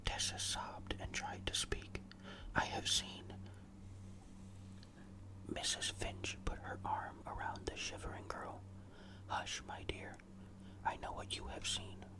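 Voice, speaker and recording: A storyteller reading a ghost story in a hushed, suspenseful whisper, deliberate and fully unvoiced, in an ASMR style. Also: rough recording.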